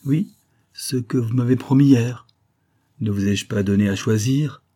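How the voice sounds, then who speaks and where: A man voicing a gentle, mysterious young woman in an audiobook, speaking softly, sadly and with quiet command. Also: medium pitch, measured pace, breathy edge. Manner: soft, sad and commanding. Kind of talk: audiobook reading.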